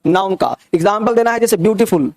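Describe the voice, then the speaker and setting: A man teaching an English grammar lesson to students. He drills examples slowly and keeps checking whether everyone has understood. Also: high voice. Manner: repeats questions to check understanding.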